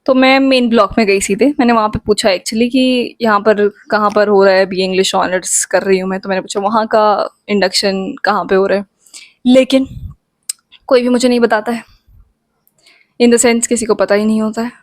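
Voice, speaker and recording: A woman's voice: medium pitch, steady tone, normal speed, no echo. A young woman vlogger in a chatty, playful storytime, talking straight to her viewers. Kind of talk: casual storytime.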